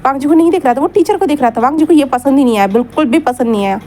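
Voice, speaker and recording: Woman storyteller, high voice, chatty and repetitive, faint background hiss. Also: rapid-fire, warm tone. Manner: chatty, with repeats and asides to listeners. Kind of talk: narrating a fan story aloud.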